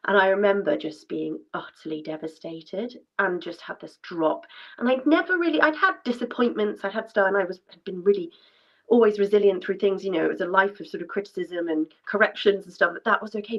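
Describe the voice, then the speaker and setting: A woman's voice: medium pitch, lively intonation, fairly quick. Woman telling a personal story. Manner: chatty, with many fillers and restarts. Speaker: former dancer sharing her story at an event. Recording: dull lo-fi sound.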